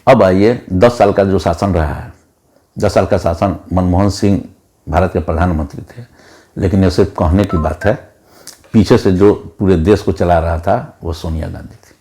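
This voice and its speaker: A man's voice: low-pitched, normal speed, dark tone. A man giving an opinionated monologue as a political commentator, emphatic and lecturing, repeating words for stress.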